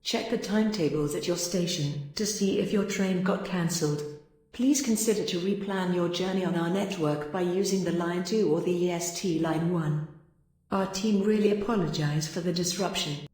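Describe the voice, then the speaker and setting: A woman reading automated transit announcements over a station intercom, in flat, even recorded phrasing. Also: on the low side, moderate pace, long pauses. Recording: very echoey station PA.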